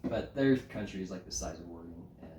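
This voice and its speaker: A man with a lowish voice, a podcast guest from the United States, recounts his story casually and with a lively, laughing energy. He sits a little off the microphone in a roomy space. Faint background noise sits under the voice. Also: fast, distant mic. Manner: animated, often laughing, frequent "like" fillers. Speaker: podcast guest, climbing route setter.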